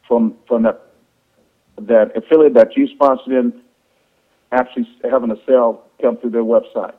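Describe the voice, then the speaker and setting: Man pitching over a tinny phone line. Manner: repetitive, halting explanation with false starts. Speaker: presenter on an affiliate sales call. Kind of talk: informal sales pitch to affiliates. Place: conference call over the phone. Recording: tinny, band-limited phone conference line.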